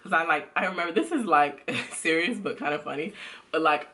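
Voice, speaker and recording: Young mom chatting about parenting, bright forceful voice, animated storyteller. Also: female voice, sits low, fairly quick. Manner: lively storyteller, laughing asides. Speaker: mother, co-host. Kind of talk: casual chat.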